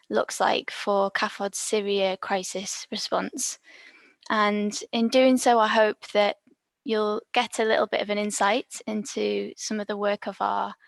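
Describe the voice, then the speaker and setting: A woman from the Liverpool area leads a calm, measured reflection on a video call. Her voice is gravelly and quite flat in pitch, and sounds dry and close. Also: dry recording. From Liverpool area, England. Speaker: speaker leading a reflection. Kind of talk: prepared reflection.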